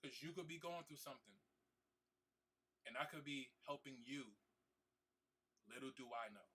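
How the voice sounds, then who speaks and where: Emotional male streamer, bright voice. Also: mid-range voice, normal speed, slightly rough. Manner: emotional, repetitive, trying not to cry; casual slang, swearing. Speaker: game streamer. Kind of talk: heartfelt talk to stream viewers.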